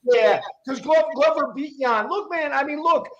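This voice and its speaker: A man in his late forties from near New York talks MMA casually, laid-back and full of "you know." His voice sits very high for a man. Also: normal speed, lo-fi sound, slight background noise. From New York area, US East Coast. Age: 40s. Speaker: podcast co-host. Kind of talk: casual sports talk.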